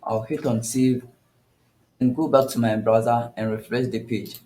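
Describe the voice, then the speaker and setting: Slow, echoey male coding tutor. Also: medium pitch, steady tone, dark tone. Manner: unhurried, thinking aloud with frequent restarts. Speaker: coding instructor. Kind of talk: step-by-step screen tutorial. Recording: echoey room.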